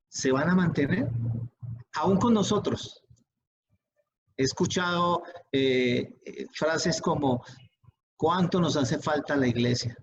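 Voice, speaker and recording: A man preaching a sermon, emphatic and often checking in with his listeners, rising on questions and slowing on key words. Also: on the high side, lo-fi sound. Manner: repeats "¿sí?" to check in with the congregation. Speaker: pastor.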